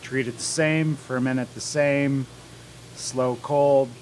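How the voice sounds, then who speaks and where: A man's voice: mid-range voice, fairly even intonation, slow, a little mellow. Male cider-maker guest, matter-of-fact explainer, faint noise behind, live pub radio. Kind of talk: casual interview explanation.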